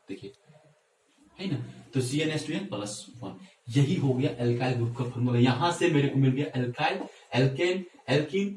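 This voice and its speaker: A man's voice: mid-range voice, darkish tone, a little hiss or hum. A male chemistry teacher giving a whiteboard lesson, asking and answering his own questions and checking in with students. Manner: asks and answers his own questions, repeats "theek hai". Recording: echoey room, mic at a distance.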